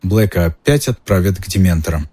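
Reader a man narrating a novel, low dark husky voice, steady delivery. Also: brisk. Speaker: audiobook reader. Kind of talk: reading a novel aloud.

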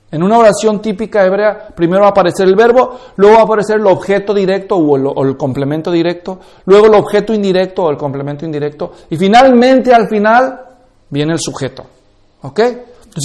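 A man with a notably high-pitched voice lectures on Bible interpretation. He explains patiently, point by point, and keeps pausing to make sure his students understand. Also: darkish tone. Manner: explanatory, often checks that listeners follow. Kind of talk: classroom lecture.

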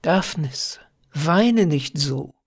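A man voicing a grieving young shepherdess who pleads through tears, in a husky, gravelly voice. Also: a little high, animated, very slow, exaggerated voice. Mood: pleading. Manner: tearful, pleading.

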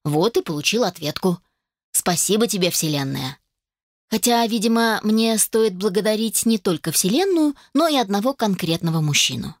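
Lady reading a novel out loud, dramatic and expressive, dry close sound. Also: mid-range voice, normal speed, dry recording. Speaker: audiobook narrator. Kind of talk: first-person novel reading.

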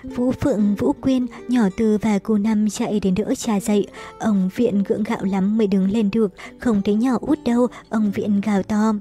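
A woman narrating a novel as an audiobook in a brisk, dramatic storytelling manner. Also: medium pitch, fairly even intonation, warm tone, soft background music.

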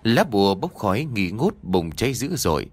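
A man narrating a horror audio story in an expressive, storytelling manner. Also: on the low side, moderate pace, breathy edge, no echo.

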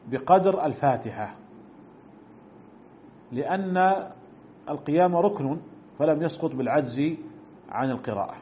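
A man's voice: on the high side, a little hiss or hum. A middle-aged man teaching a religious text, explaining points and demonstrating pronunciations as he goes. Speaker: sheikh teaching a fiqh text. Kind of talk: recorded religious lesson. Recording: tinny phone-like lesson recording.

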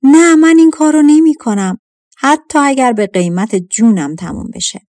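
A woman's voice: fairly high pitch, expressive, darkish tone, dry recording, clean studio sound, lightly acted. A woman voicing a loyal, kind old male servant who pleads anxiously in a storybook tale. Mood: defiant. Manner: frightened, pleading, emphatic.

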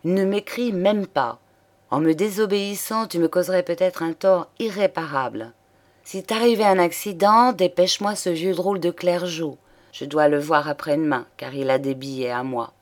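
A woman's voice: fairly low pitch, normal speed, lightly acted. Noël, a secretive young lawyer, read by a woman. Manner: evasive and firm. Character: secretive, uneasy male lawyer, young lover.

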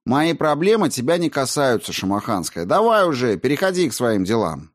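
A man voicing an irritable, rough male thief-warlord who snaps back defensively in an audiobook. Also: fairly low pitch, wildly swooping pitch, moderate pace. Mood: dismissive. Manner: snapping, defensive outbursts.

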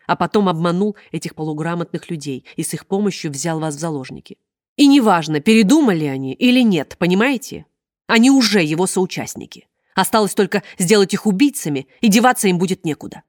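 A woman's voice: lowish voice, a little mellow, no echo, studio quality, natural voice. A woman reading an audiobook, voicing a stern, manipulative female official with a formal, commanding voice.

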